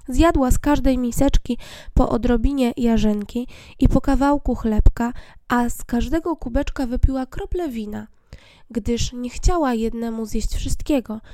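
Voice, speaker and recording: A woman reading a fairy tale aloud in a gentle, even storybook manner, with a few small slips. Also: on the high side, no echo, studio quality.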